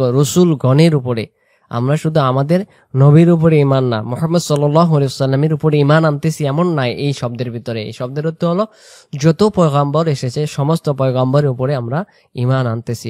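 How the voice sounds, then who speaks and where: A man with a Bangladeshi Bengali accent teaching recitation, saying phrases slowly and with stretched syllables, then explaining them quickly. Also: mid-range voice, darkish tone, no echo, clean studio sound. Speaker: religious teacher. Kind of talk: slow recitation lesson.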